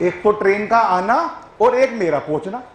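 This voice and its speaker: A man's voice: sits high, lively intonation, normal speed, roomy sound, rough recording. A male teacher giving a classroom grammar lecture, who keeps checking whether his students follow and coaxes them along.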